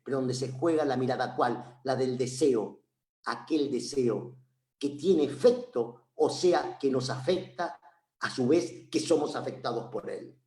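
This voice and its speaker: Rioplatense man, lively lecture, echoey room. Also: a little high. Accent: Rioplatense Spanish. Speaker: child psychologist giving a lecture. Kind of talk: recounting a therapy session in a lecture.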